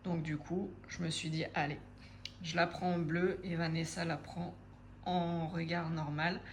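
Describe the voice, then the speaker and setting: A woman in her forties chatting casually to camera as a craft vlogger, hesitant, with frequent pauses and fillers. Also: low voice, little pitch movement, a little hiss or hum.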